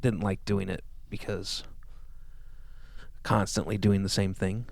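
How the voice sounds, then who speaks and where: A man hosting a casual podcast chat, rambling and trailing off softly. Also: deep voice, flat delivery, slow, vocal fry, no room sound. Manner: rambling, laid-back, often trails off quietly.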